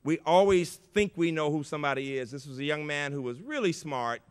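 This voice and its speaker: An older man giving an inspirational keynote speech at a conference, telling stories with big emotional swings in loudness. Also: on the high side, animated, brisk, clear, resonant tone. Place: large conference auditorium. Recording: reverberant conference hall.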